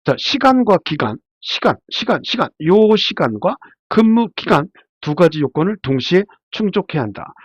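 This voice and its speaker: With a high, breathy voice full of big pitch swings, a man moves at a moderate pace with few pauses through an explanatory, informal slide lecture as a labor attorney, often asking and answering his own questions. He's stuffy and nasal, congested from a head cold. The audio has no echo but is dull, muffled, and lo-fi.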